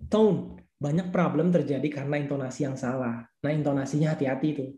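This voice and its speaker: A man leads a church youth discipleship class with a warm, mellow voice. He talks casually, in slang, and says his key points twice. The recording has a roomy echo. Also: mid-range voice, quick pace. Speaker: youth ministry leader.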